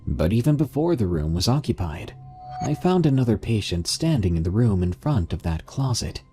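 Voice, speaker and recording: A man narrating a horror story in a measured storytelling style. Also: on the low side, sing-song, dark tone, faint music behind.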